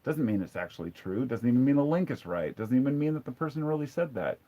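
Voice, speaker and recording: A man's voice: medium pitch, lively intonation, quick pace, warm tone, muffled recording. A man hosting a casual live stream, reading viewer comments and answering them in a blunt, profane, sarcastic way. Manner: conversational, with frequent restarts.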